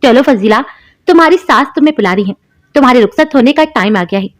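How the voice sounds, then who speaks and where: A woman's voice: a little high, expressive, fast talker, natural voice. A woman voicing a harsh, spiteful sister-in-law who taunts and scolds in a cartoon story. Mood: urging. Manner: sharp, taunting.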